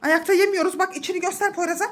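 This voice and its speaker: A woman's voice: very high voice, steady tone, very fast. A woman in her thirties, a mother filming a family vlog, coaxing her children and talking to viewers in a playful, exclaiming way. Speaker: mother and vlogger.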